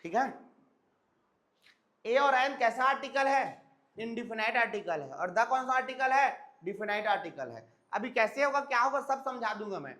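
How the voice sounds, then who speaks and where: Hoarse male teacher drilling a class. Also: extremely high pitch, animated, normal speed, pushed and bright. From India. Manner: repeats check-in questions to students. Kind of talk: classroom grammar lecture.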